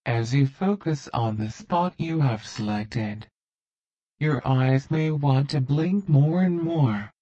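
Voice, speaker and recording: A man narrating a guided hypnosis relaxation in a soothing, repetitive, deliberate way. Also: medium pitch, mellow, dull audio.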